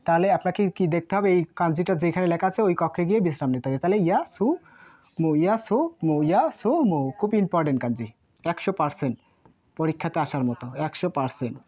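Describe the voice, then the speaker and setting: A woman's voice: on the low side, big pitch swings, fast, slightly rough. Patient woman teaching kanji. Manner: patient and repetitive, drills each word several times. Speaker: Japanese language teacher. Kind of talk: kanji lesson explained in Bengali. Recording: muffled lo-fi sound.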